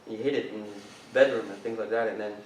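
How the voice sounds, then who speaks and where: A jiu-jitsu instructor from northeast Brazil talks casually with a Brazilian Portuguese accent, rambling with many fillers and restarts. His voice is fairly low and darkish, fairly even in intonation, at a quick pace. The recording is roomy with a distant mic and slight, faint background noise.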